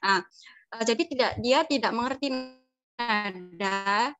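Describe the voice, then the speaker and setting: A woman's voice: on the high side, a little slow, fairly bright tone, faint music behind. A woman on a discussion panel, adding her own experiences in a conversational way. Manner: conversational, tells personal anecdotes. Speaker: panel speaker. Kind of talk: casual academic discussion.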